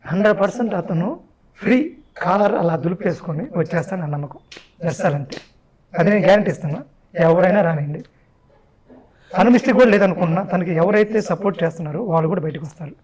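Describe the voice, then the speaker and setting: A man talking at a very fast clip with a fairly high voice. He insists on his points in a casual interview, repeating himself for emphasis. His speech is emphatic and rapid throughout. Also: darkish tone, low-quality recording. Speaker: interview guest, film actor.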